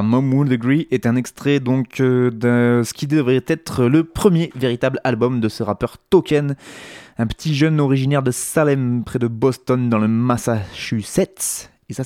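A man's voice: mid-range voice, darkish tone, no echo, clean studio sound. A man hosting a radio music show, talking casually with many hesitations and restarts.

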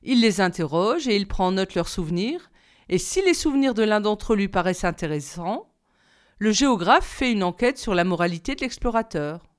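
A woman narrating an audiobook reading in a calm, measured way. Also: mid-range voice.

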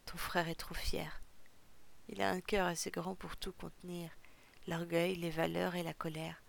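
A woman's voice: lowish voice, little pitch movement, unhurried, gravelly. A woman reading the storybook role of a loyal, kind-hearted young fisherman who speaks earnestly and defends his friend.

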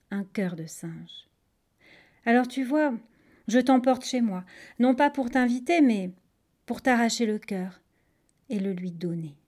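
A woman's voice: high-pitched, darkish tone, voice pushed up. A woman voicing a sly, hungry male crocodile who plays at being a friend in a storybook reading. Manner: sugary, overly friendly, sheepish.

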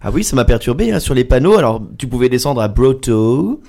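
A man's voice: mid-range voice, sing-song, racing, creaky, a little mellow. A man delivering a sarcastic, theatrical comic column in a radio studio. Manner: sarcastic, theatrical, with mock exclamations.

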